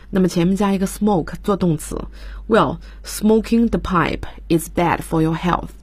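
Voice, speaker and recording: A woman's voice: on the low side, a little mellow, husky, no echo. A woman teaching English words on a radio lesson, explaining each word and spelling it out letter by letter. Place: radio studio.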